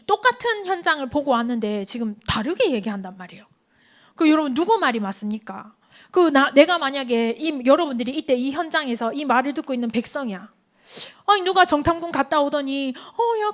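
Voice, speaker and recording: High-voiced woman preaching to teens. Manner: animated storytelling, acts out quoted voices, asks the listeners questions. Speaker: youth group preacher. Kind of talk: sermon to teens.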